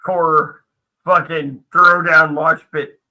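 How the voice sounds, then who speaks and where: A man in casual podcast chat, brash and profane with a joking edge. His voice sits a little high and sounds very bright. He talks loosely and swears freely. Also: level tone, slow pace, rough recording. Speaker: podcast co-host.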